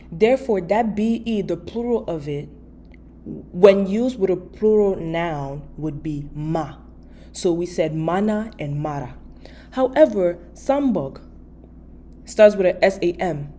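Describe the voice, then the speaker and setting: A woman giving a patient, casual video language lesson, repeating each word slowly and explaining step by step. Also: on the low side, warm tone, slight background noise. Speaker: language teacher.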